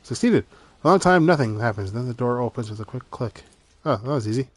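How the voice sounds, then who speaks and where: A man's voice: mid-range voice, lively intonation, a little fast, no room sound. A man reading game narration aloud dramatically, breaking into casual asides as he plays. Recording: music behind the voice.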